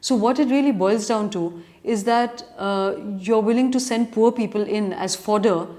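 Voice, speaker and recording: A woman's voice: on the high side, moderate pace, darkish tone. Articulate Indian woman giving earnest commentary. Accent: educated urban Indian. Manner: articulate, earnest, argumentative, with long considered sentences. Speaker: journalist and editorial commentator. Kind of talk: answering reader questions in spoken editorial commentary.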